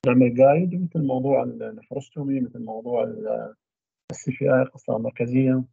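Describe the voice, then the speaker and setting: A man giving a university radiology lecture, trailing off mid-phrase into drawn-out fillers. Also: mid-range voice, steady tone, creaky, breathy edge, no room sound. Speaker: medical lecturer. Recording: dull lo-fi dry recording.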